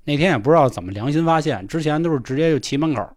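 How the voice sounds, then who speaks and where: Animated Beijing man telling a story. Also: fairly high pitch, rapid-fire, no room sound, clean studio sound. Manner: animated, acts out the others in the story. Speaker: podcast host. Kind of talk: casual storytelling chat.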